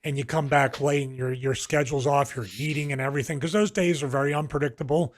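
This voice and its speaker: A man's voice: mid-range voice, fairly even intonation, fast. Middle-aged Philly man, rambling chat. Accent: Philadelphia. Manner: rambling, storytelling with frequent restarts and fillers. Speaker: podcast co-host. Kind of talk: casual chat.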